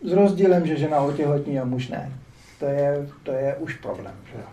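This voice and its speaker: Older man, ironic spiritual teacher, mellow voice pitched fairly high, heard from a distance in a roomy hall. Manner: ironic, rhetorical asides. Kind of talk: lecture on scripture. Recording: roomy echo, distant mic.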